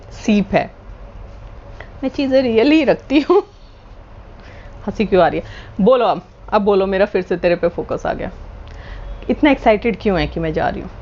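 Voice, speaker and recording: A woman's voice: mid-range voice, a little mellow, muffled recording, slight background noise. A woman vlogging at home in casual chat, playful and teasing, switching between Hindi and English. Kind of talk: casual vlog chat to camera. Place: at home indoors.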